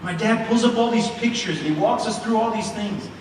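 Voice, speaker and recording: A man's voice: high voice, fairly quick, far from the mic, slight background noise. Man in his thirties preaching in an echoey hall. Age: 30s. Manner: personal storytelling, many fillers and restarts. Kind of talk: sermon. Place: large church hall.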